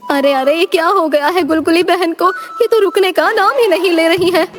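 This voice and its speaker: A woman's voice: very high voice, normal speed, soft background music. A woman voicing a frightened, pleading neighbour in a cartoon story. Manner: pleading, flustered.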